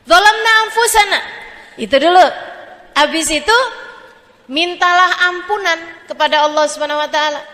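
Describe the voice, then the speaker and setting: A woman preacher giving a sermon, playfully acting out questions from her listeners and answering them, and dropping into slow, hushed tones for prayer. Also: high-pitched, in a large hall. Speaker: Islamic preacher.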